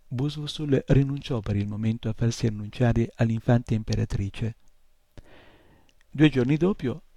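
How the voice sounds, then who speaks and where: A man reads a fantasy novel aloud at a measured storytelling pace. His voice is deep in color, very dark and noticeably gravelly. The recording is dry, with no room sound. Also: no echo. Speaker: reader of a novel. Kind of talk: audiobook reading.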